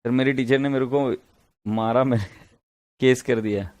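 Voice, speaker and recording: A man's voice: mid-range voice, fairly even intonation, moderate pace, a little mellow. A middle-aged male teacher giving a chatty classroom lecture in Hindi and English, telling stories and teasing his students. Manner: playful storytelling, teasing students.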